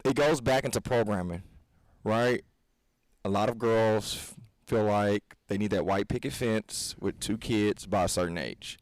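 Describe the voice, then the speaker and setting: A fairly low-pitched man speaks at a measured pace, with no echo but a low-quality recording. He's a fitness coach in his thirties co-hosting a casual podcast discussion, earnest and preachy, rambling and restarting.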